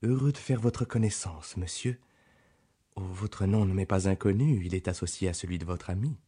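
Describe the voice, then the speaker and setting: A man's voice: sits low, normal speed, warm tone, husky. A man voicing a loyal, courteous doctor companion in an audiobook, speaking politely and with mild surprise.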